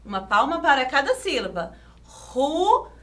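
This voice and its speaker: A woman teacher with a Brazilian Portuguese accent, giving a video lesson to children, sounding out syllables slowly and clearly and asking coaxing questions. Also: high-pitched, sing-song, sharp tone. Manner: slow, over-enunciated syllables, coaxing questions.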